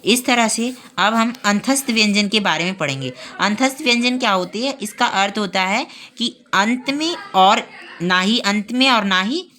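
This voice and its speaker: A woman teaching a grammar class online, explaining step by step and pausing to check the class is following. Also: mid-range voice, bright, forceful tone. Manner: spells out sounds slowly, one by one.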